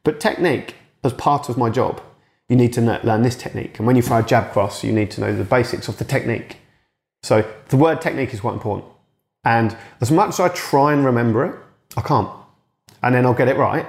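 A man's voice: mid-range voice, brisk, creaky, echoey room. A man in his late thirties, a boxing coach, talking frankly in a casual monologue and swearing now and then. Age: late 30s. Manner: frank and chatty, swears, acts out remembered exchanges.

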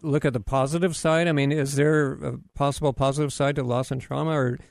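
A man's voice: medium pitch, little pitch movement, a little fast, creaky, darkish tone, no echo, studio quality. A man hosting a radio talk show and interviewing, with punchy, tongue-in-cheek radio patter.

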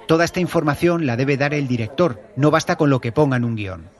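Man calmly explaining his craft. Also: mid-range voice. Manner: measured, explanatory. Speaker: podcast host and audio drama director. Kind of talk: answering listener questions.

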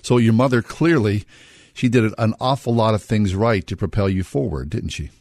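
A man with a low voice hosts a radio interview. His questions come friendly and steady, and the sound is dry and close, with no room around it. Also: moderate pace, no echo. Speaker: radio host.

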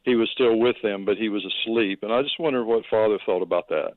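A man's voice: lowish voice, quick pace, dry recording. Hesitant male caller over the phone. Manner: hesitant, with many fillers and restarts. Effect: heard over the phone. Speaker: caller to a radio show. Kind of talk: call-in question. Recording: tinny dry phone line.

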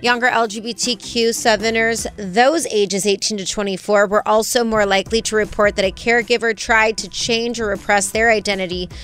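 A woman co-hosting a morning show, excitable in chat and steady when reading the news. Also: medium pitch, a little fast, hardly any pauses, soft background music. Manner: excitable, dramatic. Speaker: co-host.

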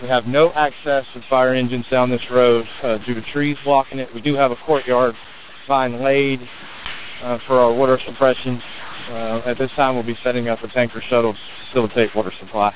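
A man's voice: mid-range voice, little pitch movement, fairly quick. A man working as fire incident commander, giving urgent, terse, procedural orders in firefighter traffic over a two-way radio. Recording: tinny narrowband radio, background noise.

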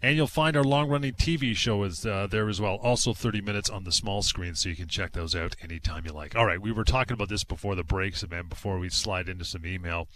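A man's voice: sits low, quick pace, hardly any pauses, a bit bright, a little hiss or hum. A man hosting a radio advice show in a casual, chatty and promotional way.

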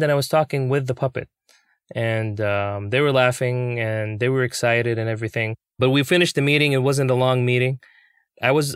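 A young man, a puppeteer, telling his story in an interview, earnest and excitable. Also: medium pitch, clean tone, no room sound, clean studio sound. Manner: earnest, excitable, many fillers.

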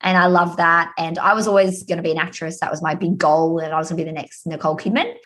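A woman's voice: on the low side, steady tone, fast talker, fairly bright tone. An Australian woman chatting casually as a podcast guest, gushing and informal. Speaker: podcast guest, happiness coach and speaker. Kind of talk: casual chat.

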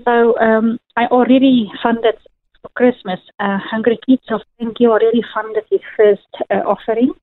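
Speaking as a guest author in a phone interview, a South African woman whose first language is Afrikaans talks earnestly, using lots of fillers. Her voice sits on the high side, with a steady tone and moderate pace. The tinny phone line sounds dry, with no room sound.

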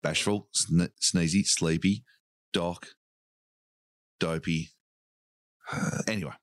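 A man co-hosting a podcast, telling a childhood story in an animated way and breaking into laughing shouts. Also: sits low, slow pace, no room sound. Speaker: podcast co-host. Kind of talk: casual storytelling chat.

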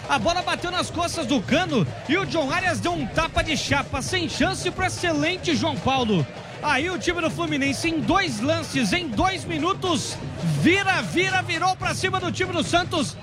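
A Brazilian man works as a football reporter, recapping goals in a very high, excited voice. His delivery is florid and emphatic, running one phrase into the next. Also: moderate pace, music in the background. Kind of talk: excited goal replay description.

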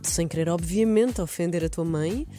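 A woman's voice: fairly low pitch, normal speed, warm tone, faint music behind. A woman with a Lisbon Portuguese accent, chatting casually, teasing her co-host and laughing easily. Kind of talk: casual chat.

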